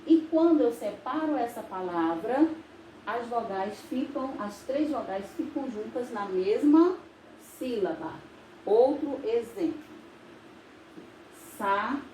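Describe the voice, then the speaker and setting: A woman from Brazil, a teacher, explaining grammar in a recorded video lesson, slow and patient, with frequent recaps. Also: fairly high pitch, lively intonation, warm tone. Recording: echoey room with faint noise.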